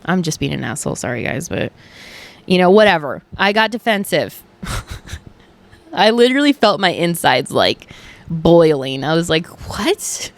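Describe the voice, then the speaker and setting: A woman's voice: lowish voice, very animated, normal speed, vocal fry, pauses often. A woman hosting a podcast from her couch at home, talking in a casual, emphatic way, with lots of "like" and some swearing. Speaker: podcast host.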